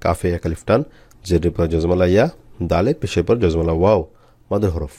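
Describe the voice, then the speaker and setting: A man teaching Quran reading, slowly spelling out Arabic letters and drilling the long vowels with patient repetition. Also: deep voice, steady tone, dark tone, no room sound.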